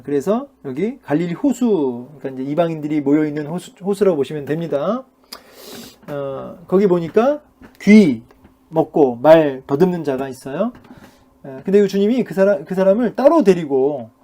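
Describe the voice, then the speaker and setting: A man's voice: a little high, dark tone. A middle-aged male pastor giving a Bible lecture in a conversational manner, full of fillers and rhetorical questions to his listeners. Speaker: pastor teaching a Bible class. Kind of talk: sermon-style Bible lecture.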